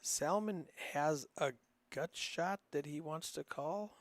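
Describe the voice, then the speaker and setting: Chatty northern Minnesota poker commentator. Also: male voice, a little high, slow, dry recording. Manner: casual, chatty, rambling with frequent fillers. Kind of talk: live poker play-by-play commentary.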